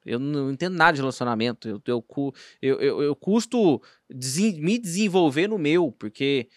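A man's voice: on the high side, expressive, moderate pace, no room sound, studio quality. A man with a Brazilian accent hosting a casual podcast chat, talking in a rambling, slangy way with many restarts. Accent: Brazilian Portuguese.

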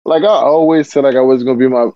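A man co-hosting a podcast in casual chat, excitable and profane, with many "like" fillers. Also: medium pitch, fast, highs cut off. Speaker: podcast co-host.

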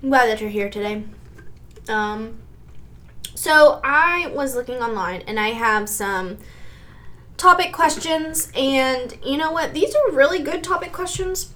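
A woman, co-hosting a casual couple's podcast in a relaxed, easygoing way. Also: high-pitched. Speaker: podcast co-host.

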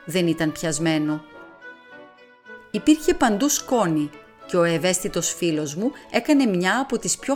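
Woman audiobook reader, lower voice, calm, even narration. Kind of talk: scripted narration.

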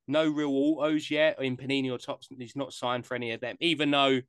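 A man's voice: medium pitch, flat delivery, a little fast, a bit bright, smooth, no echo. A man hosting a casual podcast chat, jokey and rambling. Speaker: podcast host.

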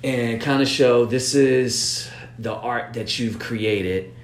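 Here a man speaks slowly in a medium-pitched voice, casually going over business plans as an artist's business-minded partner. He rambles and repeats words, often checking in with "you know what I'm saying," in an echoey room with noise.

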